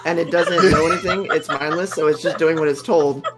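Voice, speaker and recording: A man narrating a tabletop game as dungeon master, in a relaxed, amused way. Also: on the high side, fairly quick, over loud music.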